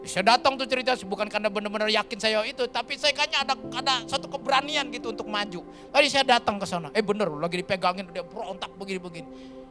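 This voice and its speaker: A male pastor from Kalimantan preaching a sermon in a lively, colloquial storytelling manner, often turning to the congregation as he talks. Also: high voice, fast, over music. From Kalimantan, Indonesia. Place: church.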